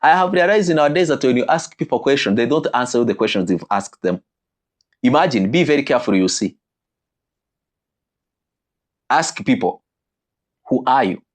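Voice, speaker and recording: In a lively lecture on marriage, a man's voice jumps abruptly in pitch, and he slows down on certain phrases for emphasis.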